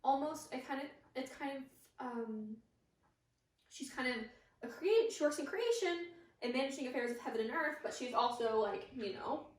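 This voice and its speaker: A woman's voice: high voice, expressive, normal speed. A young woman with a Midwestern accent giving a casual class presentation, chatty and hesitant, with many fillers and self-deprecating asides. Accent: Midwestern American. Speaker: student presenter. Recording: echoey room, mic far off.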